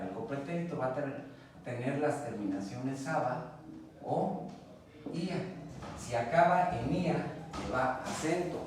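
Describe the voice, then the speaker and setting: A man teaching a grammar lesson at a classroom board, patiently spelling out each verb form step by step. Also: medium pitch. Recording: echoey room, distant mic, faint noise.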